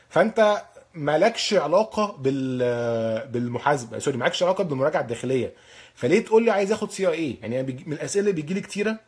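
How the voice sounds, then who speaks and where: Fast-talking Egyptian man, slightly husky. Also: on the high side, a little mellow. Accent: Egyptian Arabic. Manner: blunt, colloquial, repeats points for emphasis. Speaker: accounting certification instructor. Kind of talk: informal advice talk to learners.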